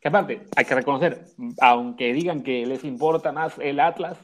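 A man on a football panel, chatting quickly and agreeing with the others. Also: medium pitch. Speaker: sports panelist. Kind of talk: casual sports chat.

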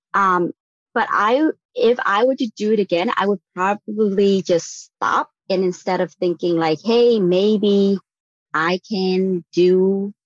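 A Vietnamese woman with a medium-pitched voice guests on a real estate podcast, answering an interview question in an earnest, reflective, conversational way. She often says "like" and checks in with "right?" The audio is dry, dull and lo-fi.

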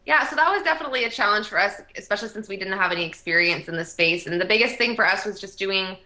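A woman's voice: mid-range voice, quick pace, sharp tone. A young adult woman, a company co-founder, giving eager, upbeat answers as a guest in a casual interview.

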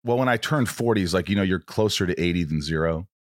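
A man in his late forties hosting a podcast, chatting casually and telling stories in an animated, joking way. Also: low voice, fast, dry recording, clean studio sound. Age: 40s. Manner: animated, jokey storytelling. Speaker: podcast host.

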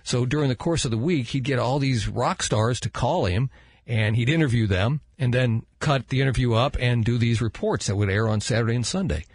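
Husky, dry-sounding American podcast host. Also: male voice, medium pitch, fairly quick, no room sound. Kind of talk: casual chat. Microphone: close studio microphone.

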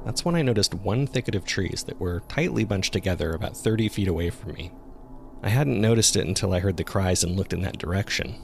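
With a very low, creaky, darkish voice, a man narrates as a local jogger describing a terrifying find among the trees in a scripted first-person horror story. He builds tension slowly, sounding measured and uneasy. Ambient effects and soft background music accompany him.

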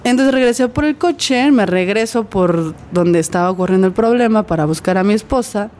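A woman's voice: mid-range voice, normal speed, a little mellow. A woman with a Mexican Spanish accent, an interview guest giving an earnest personal testimony and vividly acting out what others said.

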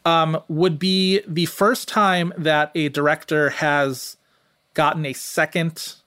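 Higher-voiced man chatting, discursive and close. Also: fairly even intonation, slow, a bit bright, clean tone, no echo. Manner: discursive, self-interrupting. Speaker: podcast panelist. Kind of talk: casual analytical film-awards chat.

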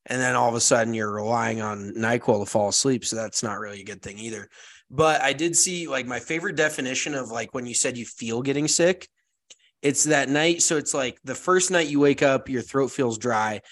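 A man's voice: medium pitch, brisk, a bit bright. Congested American man chatting casually. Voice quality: congested, stuffy nose. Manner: profane, slangy. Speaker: podcast co-host. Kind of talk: casual chat.

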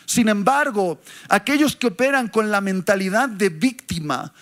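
A male pastor preaching a sermon with passion, shouting some points for emphasis. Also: high voice, animated, moderate pace.

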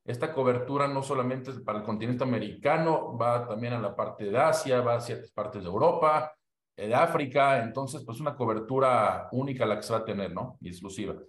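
Male sports reporter, mid-pitched voice, talkative, echoey room. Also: fairly quick. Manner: talkative, informative. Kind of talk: casual sports talk. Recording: roomy echo.

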